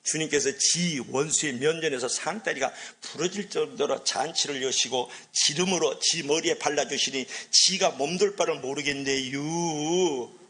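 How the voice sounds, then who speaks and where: A pastor doing a slow Chungcheong dialect drawl. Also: male voice, a little high, sharp tone. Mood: humble.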